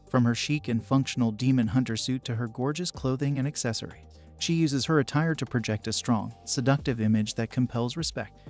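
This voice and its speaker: A man giving scripted narration for an anime video essay, in an even, polished delivery without fillers or slips. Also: medium pitch. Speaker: channel narrator.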